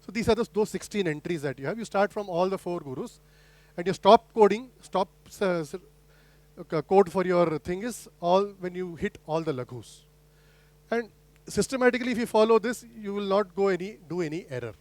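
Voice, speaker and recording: A middle-aged man delivers an academic lecture in a fairly high voice. He talks students through a method step by step, posing questions and often restarting his sentences. The recording is dry and close, with little room sound. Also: lively intonation, moderate pace, darkish tone, no room sound. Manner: explanatory, poses rhetorical questions, frequent restarts. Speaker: guest lecturer.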